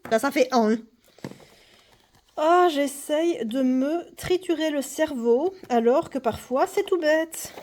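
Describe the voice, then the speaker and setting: High-pitched with a darkish tone, the vlogger solves a puzzle game for her casual video, musing aloud and laughing at herself while she mutters numbers, often in a whisper.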